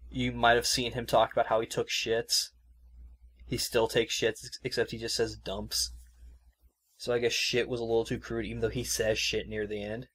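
A man hosting a podcast, chatting casually in a loose, rambling way full of fillers, and laughing easily. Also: mid-range voice. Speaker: podcast host reviewing a video game. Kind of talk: casual chat.

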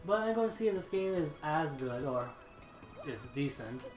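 A man's voice: on the high side, animated, normal speed. A man gives casual commentary as host of a gaming video. His voice sits in a roomy, echoing space, with faint game music behind it.

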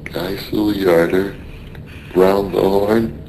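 A male actor voices a seasoned American sailor near death in a radio drama, fondly reminiscing to his mate with wistful affection. He speaks haltingly and wearily, his weak, failing voice gravelly and creaky, drifting along with fairly even intonation. Rumbling ambience makes the recording noisy.

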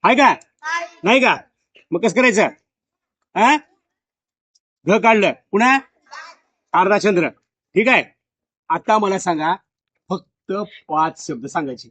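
A man's voice: high voice, expressive, slow pace, pauses often, a bit bright, breathy edge. A male school teacher teaching a classroom of pupils, repeating his questions over and over as he drills them. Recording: dull lo-fi, dry sound.

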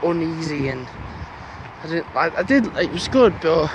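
In this casual walking vlog, a young man talks to his handheld camera on a quiet street before dawn, rambling as he moves along. His voice is a little high and very animated at a moderate pace, with background noise in the recording.

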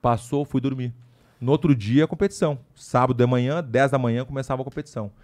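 A man talking as a podcast guest, his speech quick and rushing forward. He spins a casual story full of slang and side remarks, keeping it lively. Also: mid-range voice. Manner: animated, slangy, with frequent asides.

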